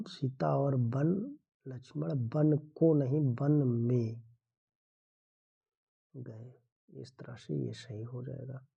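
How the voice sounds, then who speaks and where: Man, teacher, grammar lesson, slow and explanatory, gravelly, dark. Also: mid-range voice, dull audio. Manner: slow, explanatory, walking through answers one by one. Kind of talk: exam-prep Hindi grammar lesson.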